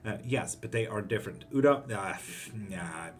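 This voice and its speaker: A Greek man hosts a live tarot stream, reading out viewer comments in a loose, chatty, profane way. He is relaxed and laughs quickly, his voice on the low side, with soft background music.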